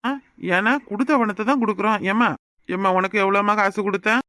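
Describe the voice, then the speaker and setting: A man voicing a smooth party fixer. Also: high-pitched, quick pace, sharp tone, no room sound, studio quality. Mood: irritated. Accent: southern Tamil Nadu rural dialect. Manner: patronizing, persuasive. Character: smooth-talking middle-aged male party fixer. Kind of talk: cartoon voice acting.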